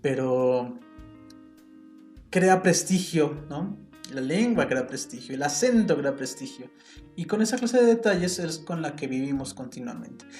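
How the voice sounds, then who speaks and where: The host of this reflective solo podcast is a man with a Mexican Spanish accent whose fairly high voice is expressive and somewhat dark. He speaks at a measured pace, earnest and opinionated, thinking out loud with small restarts, while faint guitar music plays in a roomy space.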